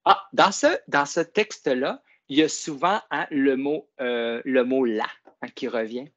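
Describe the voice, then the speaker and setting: A middle-aged man, giving a classroom reading demonstration in a coaxing, slow teacher voice that stretches key words. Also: medium pitch, a bit bright, highs cut off. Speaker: teacher trainer.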